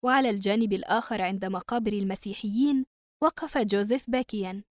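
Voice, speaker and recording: A woman narrating an audiobook novel in a steady, even reading. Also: mid-range voice, quick pace, dry recording, studio quality. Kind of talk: scripted narration.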